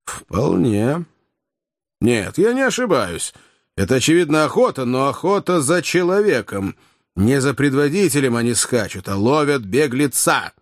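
An excitable, keen-eyed hunter, as a male reader puts him on, speaking urgently and with alarm. His pitch swings a lot from line to line. The voice is recorded dry and close. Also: unhurried, no room sound. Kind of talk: audiobook character reading.

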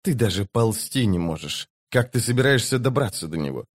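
Weary sorceress, read by a man, curt and blunt, lowish voice. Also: expressive, brisk.

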